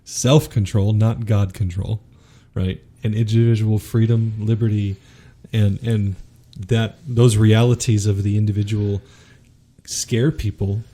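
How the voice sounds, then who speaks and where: Low-voiced male guest, earnest and preachy. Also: flat delivery, measured pace, mellow. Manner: earnest, preacher-like, quotes scripture. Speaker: podcast guest. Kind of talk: spiritual teaching in conversation.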